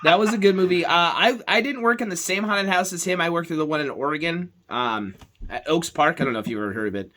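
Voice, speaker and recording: A man's voice: on the high side, fast, a bit bright. A man hosting a horror podcast, telling stories in loose, swearing casual chat. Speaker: podcast host.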